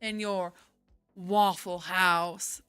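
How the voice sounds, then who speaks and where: A woman plays an easygoing older woman who teases the cook. The voice is bright and loud. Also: a little high, flat delivery, slow, clear, resonant tone, soft background music. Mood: teasing. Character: breezy older woman customer.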